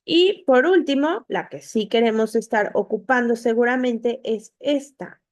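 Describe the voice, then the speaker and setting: A woman's voice: a little high, a little slow. A woman, an online course tutor patiently explaining spelling and punctuation to students, often checking in with "ok?". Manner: patient, repeats points, asks "¿ok?".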